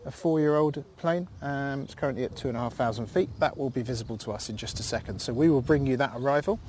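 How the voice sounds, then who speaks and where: A man's voice: mid-range voice, fast, darkish tone, a little hiss or hum. Chatty man hosting outdoors. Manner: chatty, thankful, rambling with fillers. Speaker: livestream host. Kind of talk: casual live commentary. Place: outdoors in a field.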